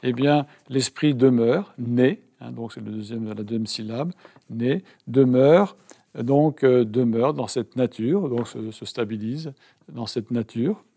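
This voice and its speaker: Gravelly-voiced man interpreting hesitantly. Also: mid-range voice, measured pace, mellow. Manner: hesitant, many fillers and self-corrections. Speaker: interpreter for a meditation teaching. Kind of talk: live consecutive interpreting.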